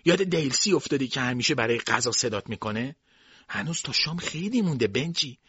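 A man voicing a calm inner voice that gently soothes and reminds. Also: medium pitch, husky, no echo, lo-fi sound, pitched above the performer's own voice. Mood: soothing.

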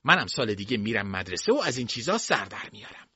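A man's voice: on the low side, very animated, bright, forceful tone, slightly rough, no room sound, muffled recording, full character voice. A man voicing a bold young girl who answers back and comforts her brother. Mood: defiant. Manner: defiant.

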